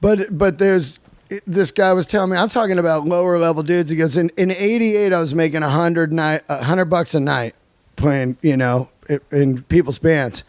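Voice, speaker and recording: A podcast host who is also a comedian and musician leads a casual conversation, speaking emphatically in slang and often repeating himself for effect. His voice is a little high, his pace moderate, and the recording dry.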